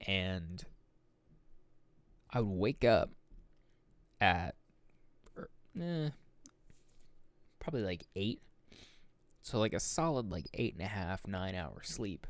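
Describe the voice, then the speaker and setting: A young adult man with a low, expressive voice hosts a solo podcast, speaking slowly and pausing often in a recording with no echo. His casual monologue rambles loosely, full of swearing, filler words, and constant self-corrections.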